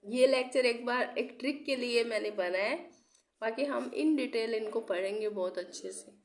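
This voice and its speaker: Unwell young woman teaching, slightly high voice. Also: normal speed, slight background noise. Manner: asks rhetorical questions and repeats key terms; checks in often with "theek hai". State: unwell, coughing. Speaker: English literature teacher. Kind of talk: exam-prep lecture.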